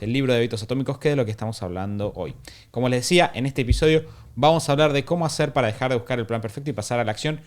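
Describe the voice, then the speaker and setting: Man, Argentine accent, podcast host, sick and hoarse, smoker's rasp, medium pitch, conversational delivery. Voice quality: raspy, smoker-like voice from being ill.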